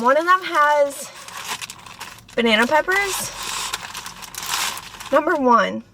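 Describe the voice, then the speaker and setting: A young woman with a bright, high voice talks in a loose, rambling way, often laughing at herself. She sits in her parked car and films a casual food vlog, with the camera on a tripod in the window. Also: background noise. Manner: chatty, rambling, self-deprecating. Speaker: food vlogger. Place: inside a parked car in a store parking lot.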